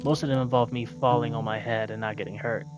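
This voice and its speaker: A man reading a story game aloud in measured, thoughtful narration with occasional commentary. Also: medium pitch, fairly even intonation, over music. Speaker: gaming video narrator.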